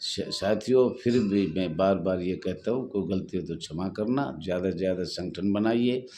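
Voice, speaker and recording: A man's voice: deep voice, moderate pace, dark tone, slight background noise. A man leading a home guard association, talking earnestly and repetitively to supporters in a live online talk over his phone.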